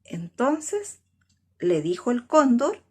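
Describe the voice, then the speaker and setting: A woman telling a children's story in a slow, expressive way, with a husky, breathy voice and whispered asides. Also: a little high.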